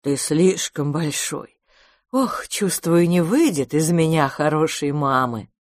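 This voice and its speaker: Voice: mid-range voice, slow, dry recording, clean studio sound, close to an everyday voice. A reader doing a timid, flustered spy. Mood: resigned. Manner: gentle, sighing, unsure. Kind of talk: audiobook character reading.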